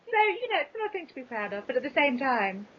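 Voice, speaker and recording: This woman talks fast in a high, sing-song voice. As a podcast guest she's casual and candid, sharing funny self-deprecating stories, all captured on dull, muffled lo-fi audio.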